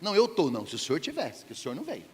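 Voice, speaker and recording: A woman's voice: deep voice, huge pitch swings, very fast, big-room sound, slight background noise. A man doing a whiny, complaining housewife. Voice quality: whiny, sarcastic. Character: exasperated woman complaining to her guest.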